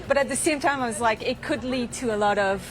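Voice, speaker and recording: Earnest woman bakery owner, high voice. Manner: earnest, halting, with many fillers and restarts. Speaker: bakery owner, interview guest. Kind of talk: casual interview answers. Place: bakery kitchen.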